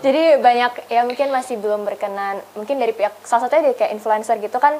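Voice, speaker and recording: A woman's voice: a little high, fast talker, warm tone. A young woman, a recent graduate doing public relations for a community, answering interview questions in a friendly way with some hesitation. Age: young adult. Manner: friendly, hesitant fillers, laughs lightly. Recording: faint background noise.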